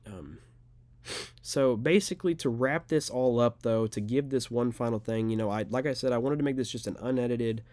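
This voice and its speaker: A man's voice: mid-range voice, moderate pace, a little mellow, no room sound. A young man, an amateur fighter, talking straight to camera in an unedited, rambling monologue full of filler words. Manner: rambling, earnest, filler-heavy.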